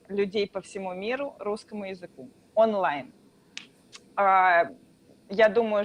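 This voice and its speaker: A Russian woman who teaches Russian calmly explains things in a casual interview, using drawn-out fillers. Her voice is mid-range.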